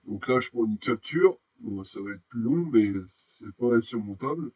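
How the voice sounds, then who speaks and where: A man's voice: medium pitch, expressive, normal speed, a little mellow, husky, dry recording, lo-fi sound. A man giving casual, slangy commentary while showing a game he is playing. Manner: informal, slangy.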